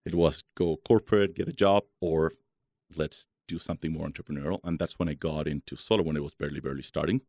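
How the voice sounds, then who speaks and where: A man from Chile in his thirties, a guest talking in a relaxed, chatty way with many fillers. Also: rumbling low, quick pace, no room sound, studio quality. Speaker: guest, solar company founder. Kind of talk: casual interview talk.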